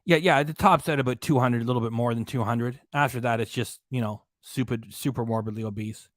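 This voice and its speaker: Fairly quick and fairly even in intonation, a medium-pitched man reads chat on his reaction livestream, repeating his indignant rant while his voice fails. There's no room sound, and the quality is that of a studio. His desk microphone is hidden behind a graphic.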